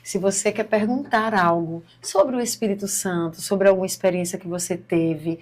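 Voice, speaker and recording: A woman's voice: medium pitch, moderate pace, a little mellow. A Brazilian woman hosting a faith podcast, encouraging and speaking straight to her viewers. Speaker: podcast host. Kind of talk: podcast interview.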